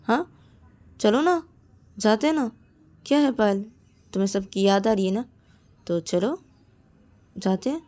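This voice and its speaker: A caring young woman who keeps asking what is wrong and gently coaxes her partner. She sounds worried and insistent, and her pitch climbs as she presses, as a woman storyteller puts her on. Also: expressive, measured pace, long pauses, lightly acted. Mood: coaxing. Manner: coaxing, repeated worried questions. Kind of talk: storybook narration.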